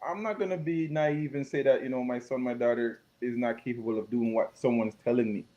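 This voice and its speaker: A man's voice: mid-range voice, steady tone, fairly quick, warm tone, lo-fi sound. A man hosting a casual panel chat, talking loosely and asking the guests questions. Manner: chatty, laughs along, asks questions.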